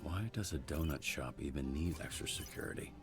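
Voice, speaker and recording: A man's voice: extremely low pitch, animated, brisk. An actor playing a sarcastic grown man who works as a dispatcher in a video game, with a dry, wry way of talking. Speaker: game protagonist. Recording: game audio with music.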